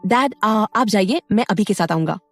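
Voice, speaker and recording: A woman's voice: mid-range voice, animated, normal speed, dry recording, soft background music. A woman voicing a cocky young college guy. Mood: teasing. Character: young male college sports star, cocky.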